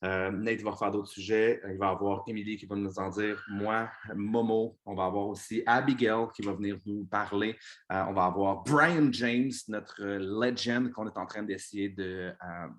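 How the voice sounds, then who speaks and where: A man with a Québécois French accent giving an energetic motivational talk to his business team, casually swearing and mixing in English words. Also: lowish voice.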